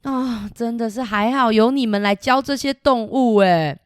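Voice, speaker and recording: A woman telling a picture-book story as if reading to a toddler, animated and coaxing, with simple questions and exclamations for young children. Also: fairly high pitch, moderate pace, smooth, no room sound, clean studio sound.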